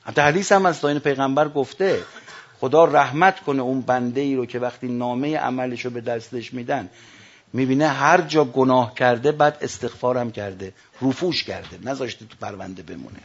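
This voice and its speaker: Male preacher, husky and gravelly, animated sermon storytelling, loud peaks and hushed quotes, dull lo-fi recording. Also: mid-range voice. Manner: swings between loud emphatic lines and hushed quotes.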